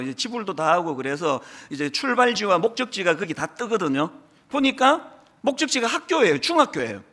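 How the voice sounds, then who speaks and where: A middle-aged man, a pastor, preaching a sermon and telling a story, his voice swinging between loud and hushed. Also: sits high. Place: church sanctuary.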